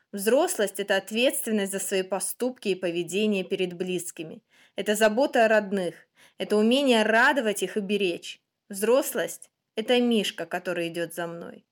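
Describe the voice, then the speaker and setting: Woman reading her own tale aloud. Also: mid-range voice. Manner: measured, expressive reading. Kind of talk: scripted storytelling narration.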